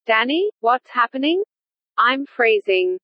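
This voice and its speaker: Brief: a woman playing a polite sentient AI in a toy, higher voice, dull lo-fi speaker sound. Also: slow pace, no room sound. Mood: calm. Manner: calm, formal and precise. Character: gentle female AI in a toy.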